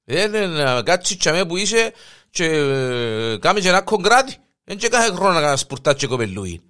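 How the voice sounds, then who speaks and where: A man's voice: on the high side, sing-song. A man with a Cypriot accent voicing an exasperated village headman who lectures and scolds. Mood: weary refusal. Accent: Cypriot Greek. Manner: lecturing, rising to loud scolding.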